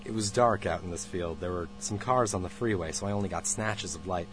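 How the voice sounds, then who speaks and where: A man's voice: low voice, brisk, close to an everyday voice. An actor playing a middle-aged, weary, sarcastic father with a theatrical, grandiose manner in an audio drama. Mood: subdued, wistful. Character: weary sarcastic father who boasts of slaying a dragon. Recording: noisy, humming amateur recording.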